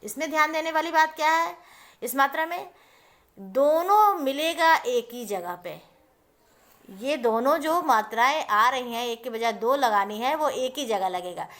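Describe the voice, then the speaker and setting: A woman teaching young children, her voice sitting a little high. She explains each point slowly and patiently and keeps checking that the class follows along. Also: lively intonation, a bit bright. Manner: patient, explains step by step and often checks understanding.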